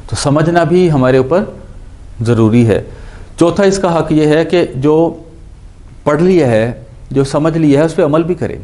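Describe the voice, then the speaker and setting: A man's voice: fairly high pitch, long pauses, dark tone. Patient man drilling grammar forms. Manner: patient, repeats words while drilling verb forms; mixes English words into his teaching. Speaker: Quran and Arabic grammar teacher. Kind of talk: explanatory lesson.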